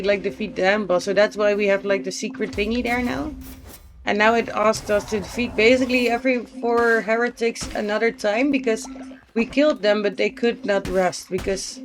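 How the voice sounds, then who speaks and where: A woman's voice: mid-range voice, steady tone, normal speed. A woman streamer chatting casually and thinking aloud while she plays a game, with the odd swear word. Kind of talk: casual live gameplay commentary.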